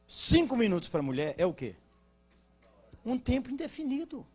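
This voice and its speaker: A man with a Brazilian Portuguese accent preaching at a conference, joking with the congregation and asking them to respond, then dropping into quiet, earnest teaching. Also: extremely high pitch, big pitch swings, moderate pace, faint music behind. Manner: swings from loud jokes to quiet earnest teaching. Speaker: pastor. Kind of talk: conference sermon.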